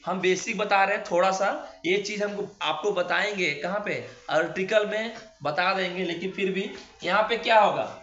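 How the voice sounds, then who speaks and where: During a grammar lesson taught classroom-style, this man speaks at a moderate pace with few pauses, his voice high and fairly bright. He answers his own rhetorical questions and draws out words while spelling them; the lo-fi recording sounds dull and echoey.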